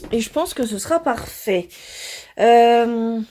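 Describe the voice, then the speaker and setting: Slow-talking French woman touring her room. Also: fairly high pitch, expressive, dark tone. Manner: hesitant, lots of filler sounds. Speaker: vlogger. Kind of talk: casual room tour. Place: home craft room.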